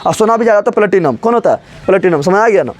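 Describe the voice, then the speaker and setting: Guy teaching chemistry, high voice, keeps asking the class stuff and acting out elements. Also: racing. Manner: animated, asks students constant questions, acts out elements as characters.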